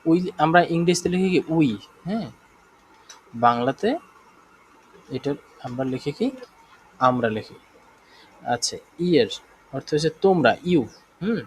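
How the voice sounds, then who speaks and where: A Bangladeshi Bengali-accented man teaches German live online, moving slowly through explanations, repeating himself, and often making sure students are with him. His voice is slightly high and animated, heard through poor audio with a bit of background noise.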